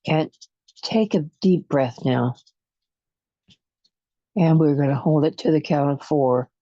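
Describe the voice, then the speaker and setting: On a dull lo-fi recording, a guide takes listeners through guided imagery relaxation, counting slowly and pausing at length in a soothing, hypnotic way. The voice is mid-range with a dark tone, and the recording is dry.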